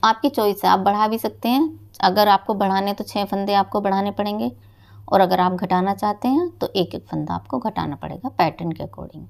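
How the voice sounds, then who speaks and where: Lady walking you through knitting a sweater step by step, bit of gravel in her voice, talks to viewers like friends. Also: medium pitch, moderate pace. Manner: patient, explains each step and counts stitches aloud; addresses viewers directly as friends. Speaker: knitting teacher. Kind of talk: step-by-step craft tutorial.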